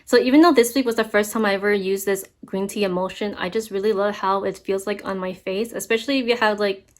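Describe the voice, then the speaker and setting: A woman's voice: mid-range voice, fairly even intonation, quick pace. Chatty young woman reviewing skincare. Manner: chatty, candid, frequent fillers and laughs. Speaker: beauty vlogger. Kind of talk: casual product review.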